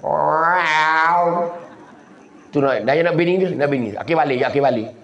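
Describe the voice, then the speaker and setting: In an echoey, lo-fi recording, a male Islamic preacher from southern Thailand speaks with a Patani Malay accent. His folksy sermon is full of stories in which he mimics animal sounds, delivered quickly and expressively in a medium-pitched voice.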